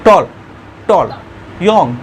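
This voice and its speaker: A man teaching an English grammar lesson, explaining step by step and repeating words slowly, syllable by syllable. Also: high voice, expressive, a little hiss or hum.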